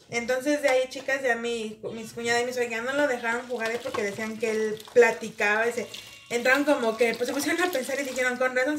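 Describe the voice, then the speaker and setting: A woman's voice: fairly high pitch, a bit bright, distant mic, slight background noise. A woman and mother, chatting to her viewers in a casual, rambling way, with many fillers, while washing dishes at home. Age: adult, mother of a grown son. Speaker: vlogger. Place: home kitchen. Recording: roomy, off-mic, with dish clatter. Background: dishes, pots and pans clattering.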